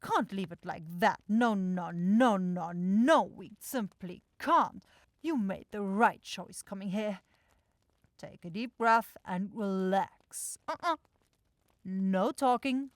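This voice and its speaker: In a fantasy ASMR roleplay, a woman voices a demon-like sister who runs a soul shop, confident, bossy and impatient. Her mid-range delivery is slow, fussy and professional, with a theatrical, coaxing sales pitch, recorded dry.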